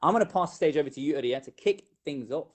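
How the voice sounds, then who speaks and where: A man co-hosting a live online show, his voice sitting slightly high. He jokes about himself and pauses on fillers like "uh" and "um" before moving on. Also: lively intonation. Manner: jokey, self-deprecating, hesitant fillers. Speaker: co-host.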